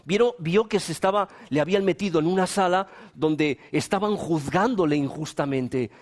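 A man's voice: on the high side, moderate pace. A man preaching to young people, telling a personal story dramatically and acting out the voices he quotes.

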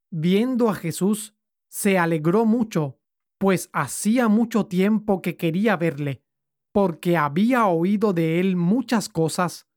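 A woman reading scripture aloud in a measured, formal way. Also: lowish voice, darkish tone, dry recording, clean studio sound. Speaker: scripture reader.

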